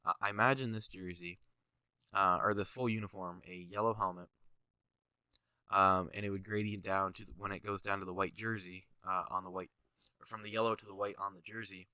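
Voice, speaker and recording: A tired young man with a congested, sniffly voice rambles through casual commentary over images of his own jersey designs as a channel host, full of fillers and tangents. His voice is slightly low, bright, a little tense and clean, with fairly even intonation and a slightly quick pace. The close, dry recording has no room sound.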